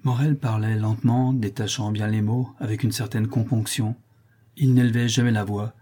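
Mellow, husky male audiobook narrator. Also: lowish voice, little pitch movement, normal speed. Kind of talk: scripted narration of a historical novel.

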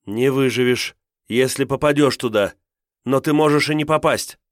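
A man voicing a frightened, fierce captive woman who shouts and pleads in a high, strained voice. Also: moderate pace, no echo, studio quality, natural voice. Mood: pleading.

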